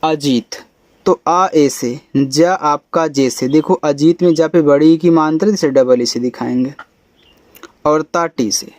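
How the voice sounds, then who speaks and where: A man's voice: a little high, takes it slowly, darkish tone, dry recording. A man teaching spelling, explaining patiently letter by letter. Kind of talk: spelling lesson.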